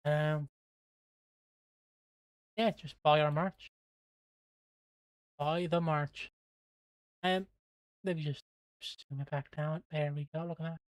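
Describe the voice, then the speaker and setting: Slow and steady, pausing often, the Kildare host talks in a mid-range voice with no room sound. Chatting casually on his livestream, this Irishman rambles, swears and laughs while reading comments from viewers, tossing in an offhand, breezy merch plug.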